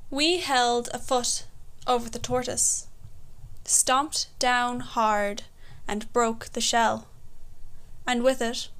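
Clear young west of Ireland woman poet. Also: on the high side, steady tone, slow pace, fairly bright tone. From Galway, Ireland. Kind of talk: poetry recitation and personal introduction.

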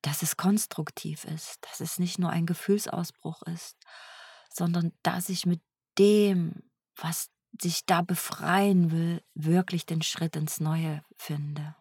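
A woman speaking softly in an introspective self-dialogue, searching for words and often sinking into a whisper. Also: lowish voice, fairly even intonation, slow, breathy edge, dry recording, clean studio sound. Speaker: energy healer.

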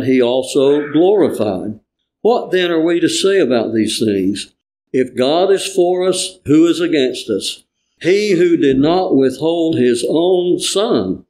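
A man reading scripture in church, formally, with measured and earnest phrasing. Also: a little high, warm tone, low-quality recording.

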